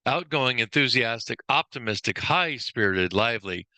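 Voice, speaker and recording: With an expressive, mid-range voice at a moderate pace, a male trainer at work runs through an informal lesson in a bright, forceful tone. He fires off lists of traits, briefly correcting himself now and then, and the recording is dry.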